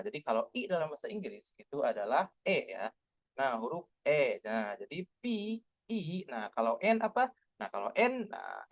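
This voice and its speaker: A young man tutoring young children through test answers, patient and coaxing, slowly spelling out letters. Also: mid-range voice, dry recording. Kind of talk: online lesson reviewing test answers for young kids. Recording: dull, dry lo-fi sound.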